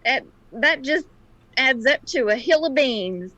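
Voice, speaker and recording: Woman playing a slow-drawling, folksy cowboy sidekick. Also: high-pitched, expressive, pushed and bright, no echo, highs cut off, heavily acted. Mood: folksy grumbling. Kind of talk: tabletop role-play.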